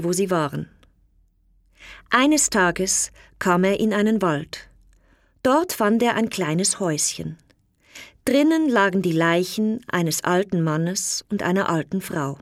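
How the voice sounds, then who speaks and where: A woman reading a fairy tale aloud in slow, clear storybook narration. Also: medium pitch, dry recording, clean studio sound. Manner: slow, clear storytelling with lively voiced quotes.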